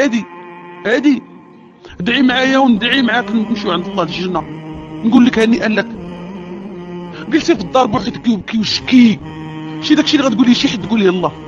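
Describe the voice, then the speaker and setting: A woman's voice: mid-range voice, highs cut off. A woman with a Moroccan Arabic accent preaching to women, impassioned and pleading, asking many rhetorical questions. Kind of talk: religious exhortation to women.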